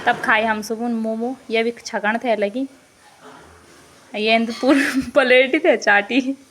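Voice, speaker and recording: A young woman vlogging with a Garhwali-tinged Hindi accent, teasing and coaxing a small child in loud, high bursts, then narrating her day casually. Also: fairly even intonation, slow pace. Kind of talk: casual family vlog.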